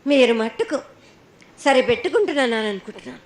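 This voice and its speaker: A woman's voice: high-pitched, expressive, fast, roomy sound, background noise. A woman with a Telangana accent speaking as an oracle in a prophetic trance voice, sternly admonishing in short, repeated phrases. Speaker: oracle delivering annual festival prophecy.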